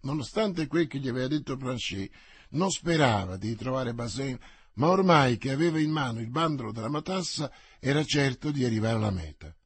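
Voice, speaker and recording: Male narrator for a classic novel audiobook, husky, lively, dry close sound. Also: medium pitch, no echo. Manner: expressive, measured reading. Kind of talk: scripted narration.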